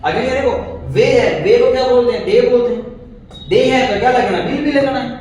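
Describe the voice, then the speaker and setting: A man teaching spoken English to students, encouraging them and repeating drill phrases, speaking his English lines slowly. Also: extremely high pitch, darkish tone, a little hiss or hum. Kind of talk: classroom teaching, mixing two languages. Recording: echoey room, mic far off.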